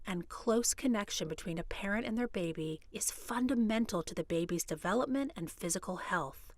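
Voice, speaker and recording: A woman presenting an educational video, explaining in a calm, clear way. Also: mid-range voice, dry recording. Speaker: hospital staff presenter. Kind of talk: scripted educational narration.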